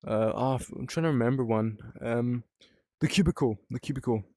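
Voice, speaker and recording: A man's voice: medium pitch, fairly quick, dark tone, no room sound, clean studio sound. A young British man from the UK chatting casually in a rambling vlog, swearing freely and using lots of fillers. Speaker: vlogger.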